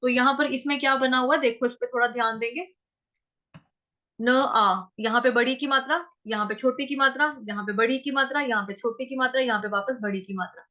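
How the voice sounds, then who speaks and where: A woman leads a chanting lesson, her high, bright voice unhurried as she patiently breaks down each syllable. The sound is slightly dull and lo-fi. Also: steady tone. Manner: patient, explains pronunciation step by step. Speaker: Sanskrit recitation teacher. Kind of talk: chanting lesson with slow verse recitation.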